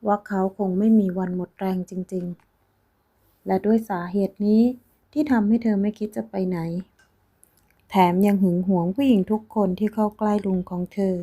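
A woman reads a romance story aloud in a slow, steady storytelling manner. Her voice is mellow and soft-edged, at a middle pitch. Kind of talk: scripted story narration.

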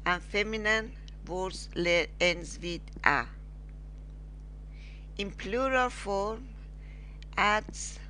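A woman with as her teaching a beginners' lesson, halting and repeating words slowly. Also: medium pitch, pushed and bright, a little hiss or hum. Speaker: language teacher. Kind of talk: slow screen-recorded lesson.

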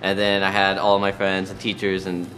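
Deep-voiced teen boy, chatty. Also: normal speed, slight background noise. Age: teens. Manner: relaxed, chatty, many fillers. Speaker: student filmmaker. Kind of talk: casual interview answers. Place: school classroom.

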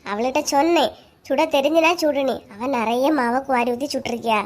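A woman's voice: high voice, brisk, pitched below the performer's own voice. A woman voicing a bossy, scheming cartoon mother with a Kanyakumari Tamil accent, coaxing and ordering her kids. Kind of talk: cartoon voice acting.

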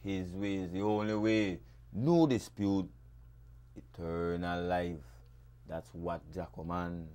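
A man with a Belizean accent reciting dub poetry in a rhythmic, rhyming delivery with sharp swings in loudness. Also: low-pitched, fairly even intonation, slow pace, smooth. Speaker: dub poet.

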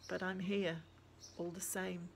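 A woman reading the lines of a calm, patient adult woman who speaks softly and reassuringly. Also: lowish voice, slow, creaky, slight background noise.

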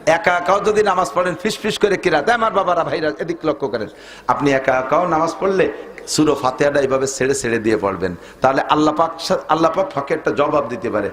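A man's voice: fast, echoey room. A man preaching a humorous sermon, swinging his voice up and down and asking the crowd questions. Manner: animated and humorous, with pitch leaps and rhetorical questions.

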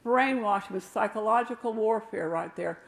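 An older woman delivers a sermon in a gravelly voice. She preaches emphatically, with asides to the people in the pews. The sound carries a roomy church echo. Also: medium pitch, moderate pace. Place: church sanctuary. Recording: echoey church room.

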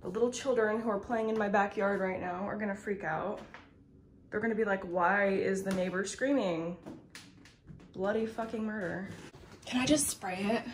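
This vlogger, a young woman with a brisk mid-range voice, talks casually to camera in her bedroom at home. There's a faint hiss or hum, and her chat wanders, sprinkled with ums and likes.

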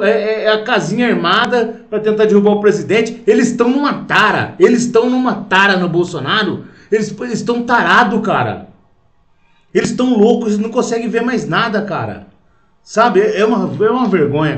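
A man with a Brazilian Portuguese accent ranting angrily to camera about politics. He swears, repeats himself and talks slowly. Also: sits high, roomy sound. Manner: indignant, profane, keeps saying "cara"; slow and repetitive, with restarts. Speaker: political video commentator. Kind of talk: angry rant to camera.

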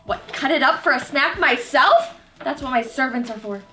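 A woman's voice: high-pitched, lively intonation, moderate pace, loud music behind the voice. A woman playing a haughty, scheming evil fairy posing as a sweet princess in a children's parody, with theatrical, imperious villain menace. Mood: haughty, scornful. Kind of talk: campy children's parody sketch acting.

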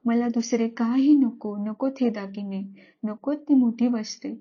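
A desperate young wife pleading in fervent prayer, voiced by a woman narrator. Her fairly high voice implores over and over. The recording is dull and lo-fi. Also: a little slow. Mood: imploring.

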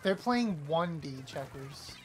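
A woman streaming a live game, trash-talking playfully, apologizing to teammates and suddenly yelling when a play goes wrong. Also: low voice, expressive, takes it slowly, soft background music. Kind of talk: live gameplay commentary.

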